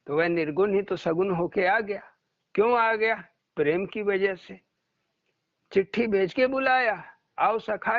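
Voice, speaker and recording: Male spiritual teacher, unhurried storytelling sermon, dry close sound, plays every part in his stories himself. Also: high-pitched, dry recording. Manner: storytelling, acting out quoted dialogue. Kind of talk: devotional satsang talk. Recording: muffled lo-fi recording.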